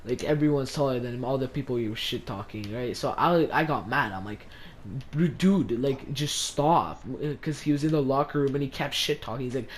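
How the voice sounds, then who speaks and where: A man's voice: mid-range voice, quick pace, hardly any pauses, slight background noise. Rambling teen boy vlogger. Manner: rambling, heavy use of "like". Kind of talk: casual storytime.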